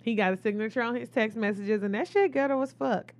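A woman's voice: a little high, fast. A woman co-hosting a casual chat, speaking in in a blunt, playful way with frequent laughter. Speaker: podcast co-host.

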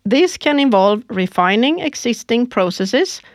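A woman's voice: on the high side, big pitch swings, a little slow, no echo, clean studio sound. A woman co-hosting a corporate podcast who gives prepared lines with emphasis. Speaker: podcast co-host. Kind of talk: scripted corporate podcast dialogue.

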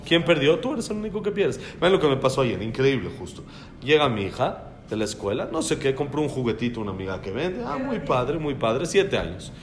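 A man teaching a religious class, animated and repeating phrases for emphasis as he tells personal anecdotes. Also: mid-range voice, brisk.

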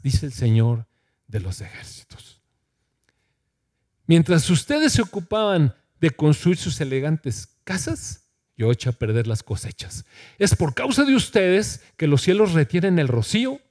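Lively, animated preacher. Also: male voice, on the high side. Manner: lively preaching, reads scripture aloud and asks the congregation questions. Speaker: pastor. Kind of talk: sermon.

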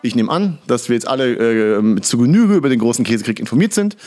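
Halting, lively-voiced podcast host. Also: male voice, medium pitch, faint music behind. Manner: halting, full of fillers and restarts. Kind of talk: casual chat.

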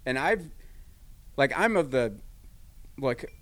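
Lively-voiced man, dry close sound. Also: mid-range voice, slow, dry recording. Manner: profane, tells stories about everyday frustrations. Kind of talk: casual chat.

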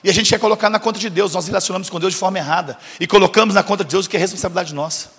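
Fast, high-voiced pastor preaching. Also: male voice, a bit bright, husky, long reverb tail. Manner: acts out dialogue, teasing congregation with jokes. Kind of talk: humorous storytelling sermon.

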